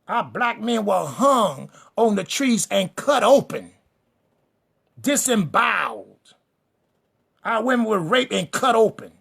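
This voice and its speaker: A man with a high, gravelly voice preaching a fiery sermon-style lecture. He hammers his points home in repeated refrains and lists, speaking directly to the people in front of him. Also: very animated, slow, pauses often, fairly bright tone. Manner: emphatic and repetitive, addresses the listeners directly; builds lists and refrains for rhythm. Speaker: preacher and teacher.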